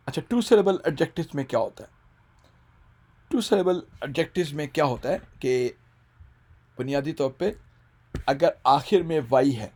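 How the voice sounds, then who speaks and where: A man with a Punjabi-Urdu accent teaching an English grammar lesson. He explains step by step, asks rhetorical questions, and slows right down to read out English example sentences. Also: on the high side, darkish tone.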